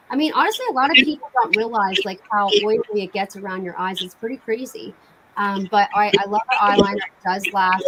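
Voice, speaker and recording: An enthusiastic, informal woman giving a casual live-stream sales pitch as a cosmetics consultant hosting an online game night. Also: rough recording.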